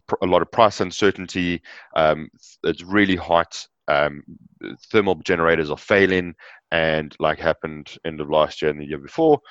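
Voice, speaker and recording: A man's voice: very deep voice, a bit bright, no echo, lo-fi sound. A man with a South African accent, a guest explaining energy trading in an interview, with many fillers and restarts. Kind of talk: interview answers.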